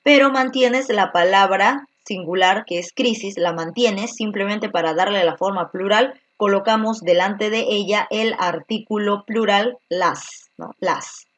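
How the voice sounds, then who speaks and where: A woman's voice: medium pitch, unhurried, few pauses. A woman teaching an online grammar class, explaining step by step and checking in with frequent tag questions. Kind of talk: virtual grammar lesson.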